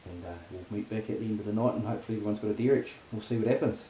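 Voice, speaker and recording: A man's voice: fairly low pitch, racing, dark tone, rough recording. A man with a broad New Zealand accent, chatting casually and matily as the host of a hunting vlog. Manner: laid-back, matey slang. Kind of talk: casual outdoor vlog talk. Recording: faint outdoor background noise.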